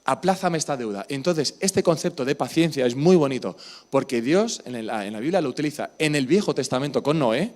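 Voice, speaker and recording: A man's voice: mid-range voice, animated, fairly quick, darkish tone. A man with a Spain Spanish accent preaching a sermon in church, talking with the congregation and asking them questions. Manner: conversational, asks the congregation questions. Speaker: pastor. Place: church service.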